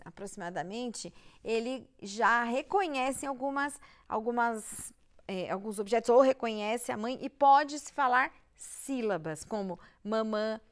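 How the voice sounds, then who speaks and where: A Brazilian-accented woman with a somewhat high voice talks as a pediatrician guest on an interview show. She explains patiently and step by step, in a calm, reassuring manner. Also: smooth.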